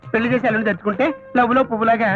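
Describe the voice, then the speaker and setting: An actor playing a timid, henpecked husband in a comedy film. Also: male voice, very high-pitched, little pitch movement, very fast, a bit bright. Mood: meek. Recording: dull old film soundtrack with music.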